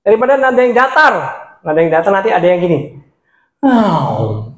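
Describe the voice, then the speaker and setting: A man with a touch, teaching beginners how to preach in a lively workshop style, swinging his pitch up and down and laughing often. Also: racing. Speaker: preaching trainer. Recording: echoey room sound.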